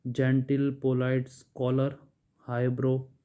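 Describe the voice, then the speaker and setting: A man's voice: medium pitch, completely flat delivery, takes it slowly, dark tone, smooth. A man teaching a bilingual vocabulary lesson, reading word lists and explaining each in Hindi with frequent "ठीक है". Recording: dull lo-fi recording.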